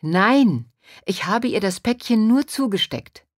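A woman's voice: medium pitch, big pitch swings, slow, a little mellow, breathy edge, dry recording, studio quality, voice pushed up, heavily acted. A woman voicing a defiant, protective teenage boy who speaks insistently.

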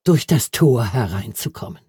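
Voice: medium pitch, animated, moderate pace, warm tone, husky, no room sound, voice pushed down. An audiobook reader voicing a dry, loyal old male gardener who speaks plainly and matter-of-factly.

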